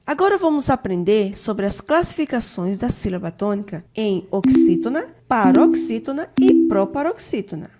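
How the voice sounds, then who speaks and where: A woman teacher, giving an online grammar lesson step by step and slowing down to stress each example word. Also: mid-range voice, very animated, dark tone. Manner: methodical, slowly stressed example words.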